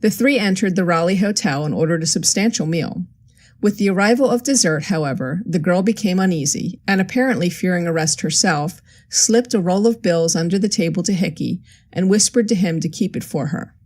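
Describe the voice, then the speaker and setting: A woman narrating a crime story aloud in a steady, even manner. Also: lowish voice, fairly quick. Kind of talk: audiobook narration.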